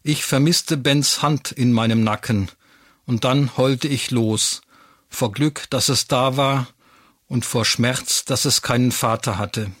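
A man's voice: mid-range voice, steady tone, slow pace, a bit bright, dry recording, studio quality. A man voicing a young woman earnestly recounting how she gave birth, in a read-aloud story. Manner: earnest first-person telling.

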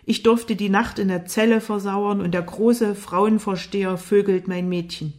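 A woman voicing an angry, jealous young man who speaks loudly and with hostile taunts, in an audiobook. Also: mid-range voice, steady tone, moderate pace, close to an everyday voice. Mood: taunting.

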